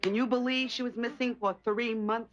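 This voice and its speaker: A woman's voice: fairly high pitch, steady tone, normal speed, natural voice. A woman playing a tactless, meddling neighbor lady. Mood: gossipy. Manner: gossipy, falsely soothing, tactless. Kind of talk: sitcom acting. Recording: dull lo-fi TV audio with loud hiss.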